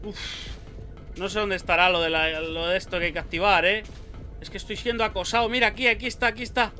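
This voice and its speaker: A man's voice: sits high, steady tone, quick pace, pushed and bright, soft background music. A young man with a Spain Spanish accent, commenting on a horror game he plays, swearing and yelping whenever something startles him. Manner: jumpy, swears and yelps at scares. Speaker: gaming YouTuber. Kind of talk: let's play commentary.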